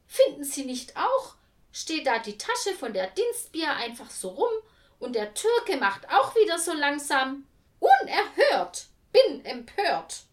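Woman reading, grumpy complaining lady, shrill, loud, storybook voice. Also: huge pitch swings, slow, exaggerated voice. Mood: scolding. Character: grumpy scolding middle-aged woman, complainer.

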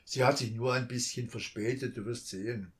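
A man's voice: medium pitch, fairly even intonation, moderate pace, a bit bright, close to an everyday voice. A man voicing a kindly old male burglar in a storybook reading, grumbling and reassuring.

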